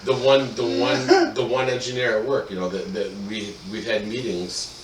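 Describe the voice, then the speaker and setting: A man's voice: medium pitch, fairly even intonation, normal speed. A man on a podcast telling casual stories, laughing often and acting out the people he quotes. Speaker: podcast host. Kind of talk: casual storytelling chat. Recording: echoey room, distant mic, faint noise.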